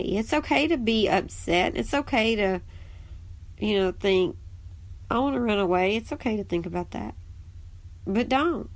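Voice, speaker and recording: A woman's voice: medium pitch, no room sound. A woman, talking casually as a host and stepmom, telling family stories and giving advice. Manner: chatty storyteller, animated when quoting the kids.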